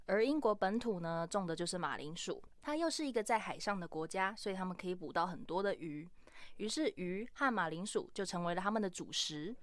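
A woman's voice: on the low side, lively intonation, a little fast, no echo. A young woman co-hosting a scripted radio chat, explaining points and spelling out examples. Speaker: radio co-host. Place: radio studio.

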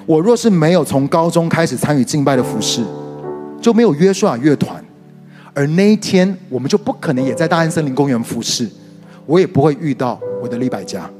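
Animated Taiwanese pastor in an echoing hall. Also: male voice, a little fast. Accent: Taiwanese Mandarin. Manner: animated storytelling with sudden pitch jumps. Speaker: pastor and worship leader. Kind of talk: sermon. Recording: reverberant hall with soft music behind.

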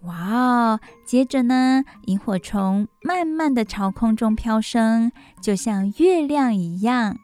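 A woman radio host reading a bedtime story for children, expressive, with asides to listeners. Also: fairly high pitch, slow, few pauses, faint music behind. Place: radio studio.

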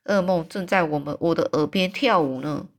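A woman voicing a big, friendly male giant in a storybook read-aloud, with loud exclamations and wailing cries. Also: lowish voice, moderate pace. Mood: distressed.

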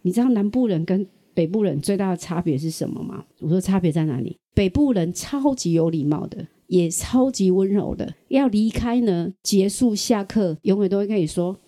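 Podcast host, woman, middle-aged, Taiwanese Mandarin accent; mellow, dry close recording, animated storyteller. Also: mid-range voice, normal speed, few pauses, dry recording. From Kaohsiung, Taiwan. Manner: animated storyteller who acts out quoted voices. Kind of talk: casual chat.

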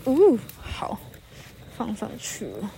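A very animated woman in her thirties from northern Taiwan speaks slowly in a medium-pitched, gravelly, slightly mellow voice, with slight background noise. Hosting a solo podcast by a mountain campsite fire, she chats in Taiwanese-accented Mandarin, recounting anecdotes, quoting others, and laughing now and then.

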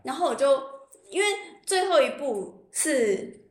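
Animated woman, high and roomy. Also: unhurried. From Taiwan. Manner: animated, laughs often, drops English phrases. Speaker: podcast guest. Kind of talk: casual storytelling chat. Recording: roomy echoey room.

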